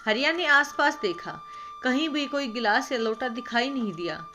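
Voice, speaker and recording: Female storyteller, calm scripted narration, higher voice, background music. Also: moderate pace.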